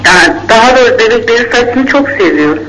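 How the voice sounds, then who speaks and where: A woman's voice: a little high, animated, fast, fairly bright tone. A woman from Istanbul calling a radio advice show over a landline phone, polite and a little hesitant. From Istanbul, Turkey. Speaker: caller. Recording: muffled, hissy phone line.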